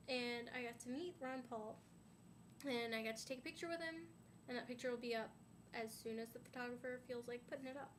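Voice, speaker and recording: A young adult vlogger in casual conversation with her camera rambles loosely, her fairly high voice packed with "um"s and "like"s. A sinus infection leaves her a little stuffy and sniffly, and a faint hiss runs beneath the recording.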